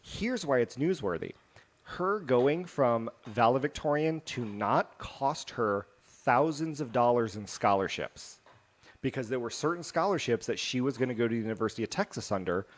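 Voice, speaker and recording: A man's voice: medium pitch, lively intonation, moderate pace. A man co-hosting a casual podcast, reading out news stories in a rambling, jokey way with lots of fillers and restarts. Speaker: podcast co-host.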